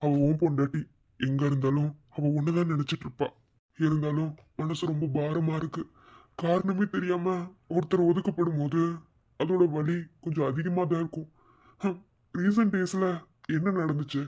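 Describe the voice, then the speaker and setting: A man voicing a gentle, heartsick young husband in a cartoon, with a Madurai accent, talking softly to himself. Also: fairly high pitch, fairly even intonation, normal speed, dull audio, lightly acted. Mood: sad. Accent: Madurai Tamil. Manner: soft self-talk.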